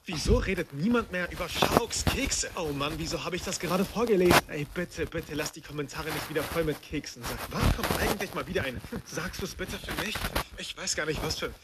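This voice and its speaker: A man speaks to his viewers in a playful, self-mocking comedy bit. His voice sits a little high. A loud hiss runs under the recording. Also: fairly quick, hardly any pauses. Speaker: video creator. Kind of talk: comedic vlog address.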